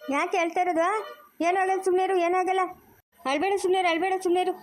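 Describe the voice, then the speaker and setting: Woman playing an older village mom, high voice, scolds fast. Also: flat delivery, heavy background noise. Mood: coaxing. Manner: scolding, fast and sharp-tongued. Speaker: mother in a family drama. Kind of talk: village family drama acting.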